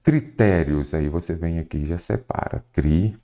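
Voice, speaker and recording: A man's voice: deep voice, normal speed. A man with a Brazilian Portuguese accent teaching an exam prep grammar lesson, explaining step by step and asking the viewer questions. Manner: didactic, questioning the viewer, lively emphasis.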